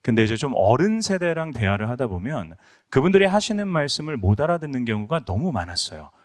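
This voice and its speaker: In a conference hall, this Incheon-born middle-aged pastor delivers a lecture quickly in a sing-song mid-range voice, recounting stories with sincerity and plenty of filler words.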